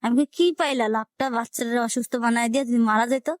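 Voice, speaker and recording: Recorded with clean studio sound and no echo, this woman talks fast in a slightly high voice whose intonation stays fairly even. Speaking colloquial Bengali with a Dhaka-area Bangladeshi accent, she relates her own life with feeling and performs the quoted dialogue in dialect.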